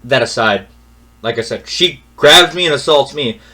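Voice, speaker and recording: In a mid-range voice and at normal speed, a young man animatedly rants about a personal experience. He's exasperated and keeps repeating himself, muttering quietly at one point before getting loud again.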